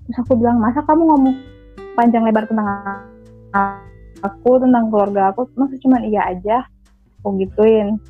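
A woman with a fairly high voice recounts her story in casual chat, slightly upset and quoting the other people. She comes through a tinny, phone-like line, with faint guitar music under her. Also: fairly quick, pauses often. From lives in Manado, not originally from there. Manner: chatty, aggrieved storytelling with quoted dialogue. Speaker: caller sharing her story.

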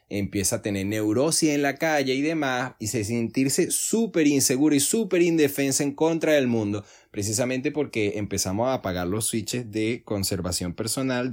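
Animated man acting out dialogues. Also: mid-range voice. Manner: acts out dialogues in changing voices; earnest, explanatory talk. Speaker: podcast host. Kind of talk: solo podcast monologue.

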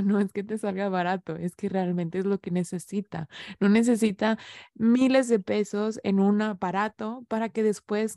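Warm-toned woman host, dry sound. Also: mid-range voice, no echo. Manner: heartfelt, rambling with many fillers. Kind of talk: interview conversation.

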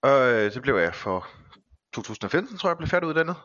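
A man's voice: medium pitch, sing-song, a bit bright, dry recording, dull audio. A man speaking as a podcast guest in casual conversation, phrasing things with some hesitation and thought. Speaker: podcast guest, film and series reviewer.

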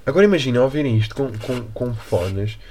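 A man's voice: medium pitch, animated, brisk, mellow, slight background noise. A young man from Portugal with a European Portuguese accent, hosting a casual solo podcast in a rambling, slangy, joking way. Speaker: podcast host.

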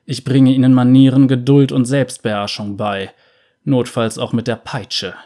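A man voicing a scarred, cruel old cleric in a storybook reading, loud and harsh. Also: medium pitch, level tone, moderate pace, close to an everyday voice. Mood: stern.

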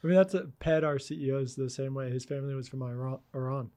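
A man's voice: medium pitch, quick pace, mellow. A man co-hosting a podcast, asking questions and rambling in casual chat. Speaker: podcast co-host.

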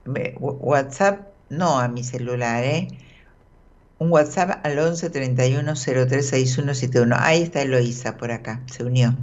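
Over dull, band-limited audio, the Argentine radio host and tarot reader speaks in a bass voice that is a little mellow. Her Argentine Spanish accent comes through as she chats informally and reassuringly with callers, often using tag questions.

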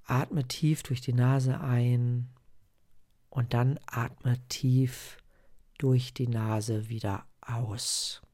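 A podcast host with a mid-range voice guides a meditation in the style of a sleep-story narrator. He speaks slowly and calmly, giving gentle, personal instructions to a single listener.

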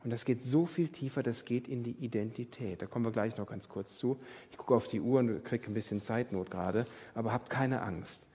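Brief: male pastor, husky voice, sermon with rhetorical questions, long church-hall reverb. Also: mid-range voice, a little fast, few pauses. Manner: rhetorical questions, swings from loud to whispered.

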